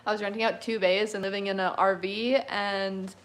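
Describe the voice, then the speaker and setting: A woman's voice: medium pitch, level tone, moderate pace. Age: 20s. Sex: woman. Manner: chatty, easygoing. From Canada. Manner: chatty, easygoing, laughs often. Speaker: car restoration creator. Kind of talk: casual livestream Q&A reading chat.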